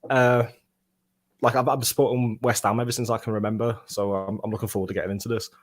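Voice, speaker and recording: A man's voice: lowish voice, little pitch movement, fast talker. A man from Liverpool with a Scouse accent, a guest on a fan chat show, easygoing and laughing often. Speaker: guest, fan channel creator. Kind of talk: casual chat.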